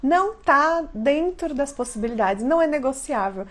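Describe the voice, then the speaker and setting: Brazilian woman, 30s, parenting coach on a live stream, high bright voice, earnest and emphatic. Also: lively intonation, moderate pace. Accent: Brazilian Portuguese. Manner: earnest, emphatic, often checks in with "né?". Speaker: parenting educator, mother. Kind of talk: live-stream talk to viewers.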